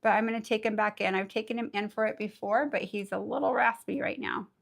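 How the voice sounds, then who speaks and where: A woman with a raspy voice, under the weather, teaching nail art in a bubbly, chatty live tutorial. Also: medium pitch, fairly even intonation, fast. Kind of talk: casual live tutorial chat.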